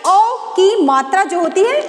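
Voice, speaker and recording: A woman teaching a Hindi lesson to students, asking questions and answering them herself, and slowly drawing out each syllable. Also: very high voice, expressive, faint music behind. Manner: slow, drawn-out sounding of syllables. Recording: echoey room with long reverb.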